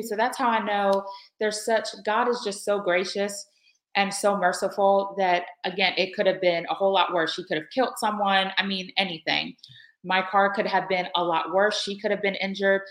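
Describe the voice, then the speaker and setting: A middle-aged woman telling a candid, lively personal story in a casual faith-based chat. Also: medium pitch, moderate pace. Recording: echoey room.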